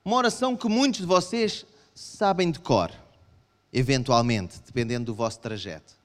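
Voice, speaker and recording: A man with a European Portuguese accent preaching a sermon to a congregation, animated and acting out his listeners' objections. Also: normal speed. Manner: animated, acts out voices of the congregation in raised pitch. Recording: long hall reverb.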